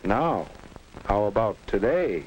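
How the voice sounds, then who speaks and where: A man playing a patient, instructive narrator in a 1950s educational film, guiding a teenager in a reassuring, measured way. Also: on the low side, big pitch swings, a little mellow, slight background noise, rough recording.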